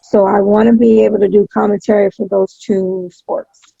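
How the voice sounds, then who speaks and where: A woman chatting casually as an interview guest, speaking emphatically and repeating phrases for stress, with a gravelly, husky voice on dull, lo-fi audio. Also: medium pitch, little pitch movement, normal speed, dark tone, no echo. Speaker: interview guest, pro wrestling announcer.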